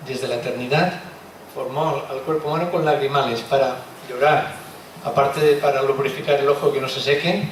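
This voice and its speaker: A man preaching a sermon, expressive and full of rhetorical questions. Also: mid-range voice. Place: church hall. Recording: echoey room from far off, faint noise.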